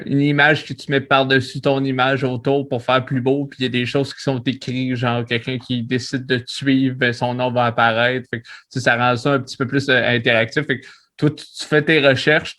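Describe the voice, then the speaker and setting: A man hosting a podcast interview. His voice sits at a middle pitch, and his manner is relaxed and friendly. He stops to explain terms for the listeners. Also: brisk. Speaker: podcast host. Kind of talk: casual interview.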